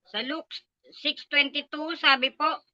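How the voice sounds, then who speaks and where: A woman's voice: on the high side, unhurried, sharp tone, no room sound, highs cut off. An older woman with a Filipino accent, giving an earnest, emotional personal testimony at a prayer meeting. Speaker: church member giving testimony.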